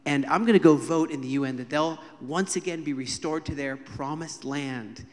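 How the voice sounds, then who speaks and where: A man's voice: on the high side, normal speed. A man from the United States preaching a sermon at a live church service, telling stories and acting out the people he quotes. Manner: animated, acts out quoted voices and jokes with the congregation. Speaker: guest preacher. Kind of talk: sermon with storytelling. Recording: long hall reverb in church.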